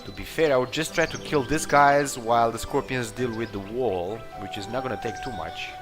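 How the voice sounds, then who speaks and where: Over game music and battle effects, a man with a mid-range voice speaking slightly fast hosts a let's play. His commentary is casual and improvised as he hesitantly works out his moves aloud.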